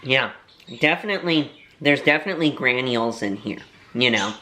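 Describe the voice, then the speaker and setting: Chatty young man with a bright, roomy sound. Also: medium pitch, animated, normal speed, a little hiss or hum. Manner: chatty and rambling, with playful self-mocking jokes. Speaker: vlogger and voiceover artist. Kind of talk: casual food-tasting vlog chat. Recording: roomy echo.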